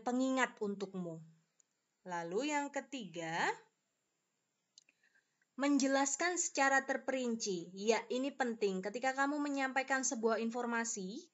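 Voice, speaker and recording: A woman teacher, patiently explaining a lesson to children step by step. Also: on the high side. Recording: slightly dull lo-fi audio.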